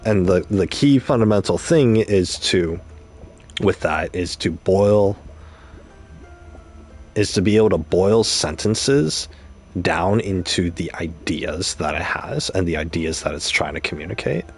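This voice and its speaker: A man's voice: sits low, unhurried, husky. A young man streaming a game, talking casually and rambling through an explanation with examples and restarts. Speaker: gaming streamer. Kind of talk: casual commentary while gaming.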